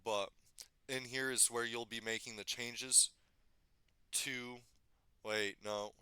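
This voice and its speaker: A man giving a casual screen-recorded software tutorial, thinking aloud and correcting himself as he goes, slightly losing his voice. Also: medium pitch, fairly even intonation, takes it slowly, clean tone, dry recording. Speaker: tutorial maker.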